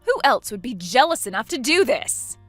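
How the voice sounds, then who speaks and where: A woman's voice: sits high, sing-song, moderate pace, dry recording, soft background music. A woman in her twenties voicing a smug, spiteful younger sister who mocks and laughs at others, in a voiced text-message story. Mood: accusing. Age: 20s.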